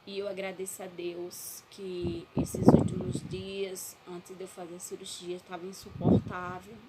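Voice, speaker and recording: A woman's voice: mid-range voice, measured pace. Woman giving earnest testimony. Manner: emotional, earnest, frequent "né?". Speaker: testimony speaker. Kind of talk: personal faith testimony. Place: her bedroom. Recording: loud background noise.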